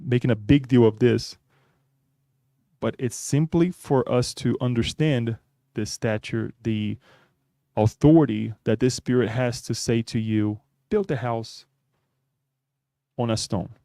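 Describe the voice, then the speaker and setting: A man's voice: mid-range voice, mellow, no echo, studio quality. Man giving a spiritist talk. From Brazil. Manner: conversational, often adds "right?". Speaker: spiritist speaker. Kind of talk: religious talk.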